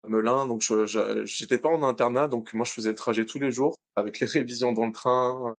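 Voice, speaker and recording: A man in his late twenties with a French accent, born in Madagascar and from France, tells his own story as a podcast guest in an interview. He's relaxed, often restarting sentences, speaking fairly quickly at a medium pitch.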